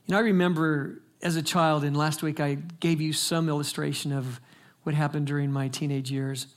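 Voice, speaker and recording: Older male pastor, slightly raised pitch, dramatic and emphatic sermon storyteller. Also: flat delivery, normal speed. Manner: emphatic, dramatic storytelling with big swings in volume and pace.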